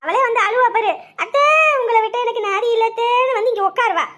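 Woman doing a super high squeaky village auntie, fast, always scolding. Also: a bit bright. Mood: gossiping. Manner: scolding, shrill. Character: quarrelsome loud-mouthed village woman. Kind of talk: Tamil family drama acting.

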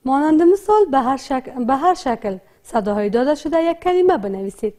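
A woman teaching a reading lesson with an Afghan Dari accent, slowly breaking words into syllables and sounds and repeating each one. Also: sits high, lively intonation, dark tone. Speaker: primary school teacher. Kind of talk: slow, repetitive literacy lesson.

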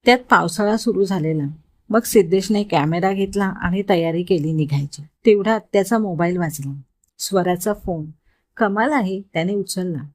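A woman narrating an emotional story in a calm, even reading voice as host of her channel. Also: fairly low pitch, moderate pace.

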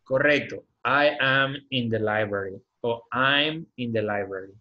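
A man teaching an English class in Spanish, patiently repeating words slowly for pronunciation over a video call. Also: medium pitch. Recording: dull lo-fi video-call audio.

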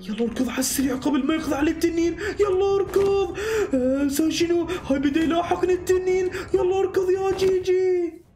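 An excitable young hero, voiced by a man with an Iraqi accent, narrates his own escape in breathless bursts. The voice sits high, and it carries a roomy echo over light music. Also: quick pace. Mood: frightened. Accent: Iraqi Arabic. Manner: breathless, excitable, talks to himself. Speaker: voice actor and channel host. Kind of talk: animated game-movie voice acting. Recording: echoey room with background music.

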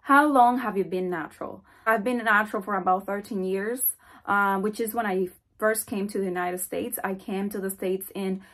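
A young woman talks straight to the camera in her bedroom, answering viewer questions. Her delivery is chatty and animated, and her voice sits at an ordinary medium pitch. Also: moderate pace, slight background noise. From Dominican Republic. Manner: chatty, animated, gestures while talking. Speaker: hair vlogger. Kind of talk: casual Q&A vlog talk. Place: bedroom, indoors. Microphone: camera at close framing.

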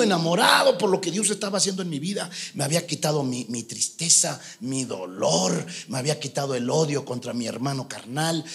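Male pastor with a high voice; earnest, storytelling preacher who builds to loud fervor. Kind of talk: sermon.

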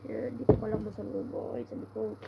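This female vlogger sounds stuffed up from a cold, her steady, mid-range voice creaky and fairly quick. Meandering through a casual story at home, she keeps sighing in complaint over a noisy background.

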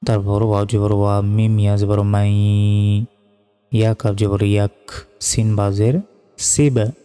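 A man teaching Quran reading, spelling out Arabic words letter by letter in a slow, measured way and chanting the verses. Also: lowish voice, level tone, dark tone, clean tone, in a large hall, faint music behind.

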